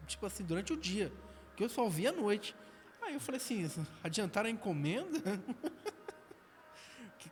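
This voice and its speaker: A man with a Brazilian accent, a podcast guest telling stories from his life in a slangy, darkly humorous way. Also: high voice. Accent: Brazilian Portuguese. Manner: storytelling, slangy, dark humor. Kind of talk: casual testimony and chat. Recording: noisy recording.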